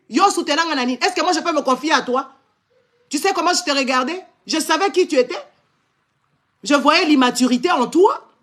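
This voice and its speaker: Speaking in a very high, slightly bright voice, a man from the Democratic Republic of the Congo rages during a live stream. He keeps firing off scolding exclamations and shifts from Congolese-accented French into Lingala partway through sentences, angry and confrontational.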